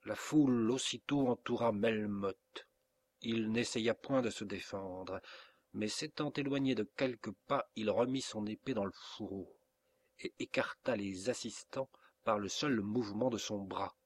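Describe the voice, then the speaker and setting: A man with a French accent reading a classic novel aloud as an audiobook narrator, steady and measured. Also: fairly low pitch.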